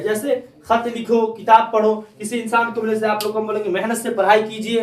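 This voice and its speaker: A man teaching a grammar lesson, slowly repeating each example for his students. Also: very high voice. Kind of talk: classroom lesson. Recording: echoey room, mic far off.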